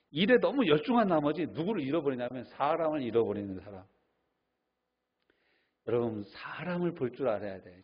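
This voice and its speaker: A man's voice: mid-range voice, breathy edge, dull audio. A middle-aged male pastor preaching a sermon, telling stories and acting out the voices of the people he quotes.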